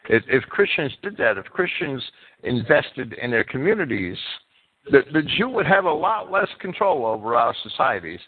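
A man hosts a call-in show, speaking off the cuff in an emphatic, repetitive way through a spontaneous monologue and chat with callers. His medium-pitched voice is very animated, at normal speed and slightly rough, over narrow, phone-like radio sound.

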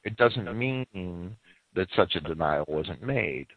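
Speaking slowly in a low voice with lively intonation, a man replies to his critics on a radio program, lecturing at length, citing sources, and frequently repeating words as he starts over. The audio has no echo but comes through as tinny phone-line radio.

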